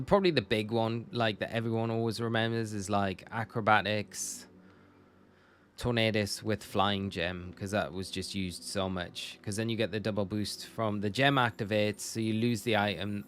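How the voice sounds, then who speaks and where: On a live stream, a young man from Northumberland, England chats and rambles with his viewers, often fixing what he's just said. His fairly low voice comes with a little hiss or hum.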